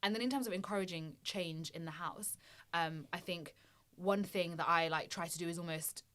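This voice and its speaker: A woman's voice: fairly low pitch, normal speed, a bit bright. A young woman from Somalia, a climate campaigner, giving earnest and practical advice as a guest in a casual podcast interview.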